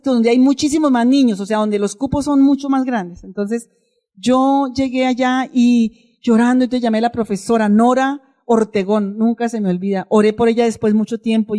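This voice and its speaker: A woman's voice: on the high side, steady tone, fairly quick, warm tone. A woman pastor giving a sermon, telling a personal testimony in a conversational, emotional way and addressing the congregation directly.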